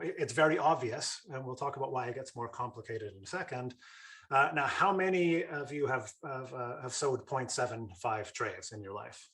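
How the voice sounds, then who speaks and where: With a mid-range, slightly bright voice, a man hosts a webinar lesson online. His delivery is chatty and casual, packed with filler words and false starts.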